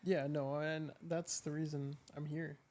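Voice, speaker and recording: A man's voice: a little high, level tone, a little slow, darkish tone. A man co-hosting a casual podcast chat, laid-back and sincere, repeating his points. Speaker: podcast co-host. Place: podcast set with camera and microphones.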